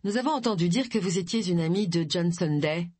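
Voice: mid-range voice, a little fast, a little mellow, dry recording, natural voice. A reader voicing Agatha, a pushy woman sleuth firing insistent questions in a raised voice. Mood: probing.

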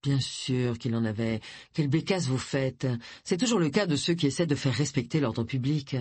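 A reader voicing Tilly, a gruff middle-aged village woman who is blunt and scornful, speaking in a low, curt voice. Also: expressive, moderate pace, darkish tone, no room sound. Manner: curt, dismissive, grumbling.

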